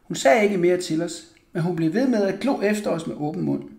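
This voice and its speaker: A man reads a children's bedtime story aloud with a lively, expressive delivery. His voice sits high for a man and moves easily through the telling. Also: creaky. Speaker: narrator. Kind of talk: audiobook storytelling.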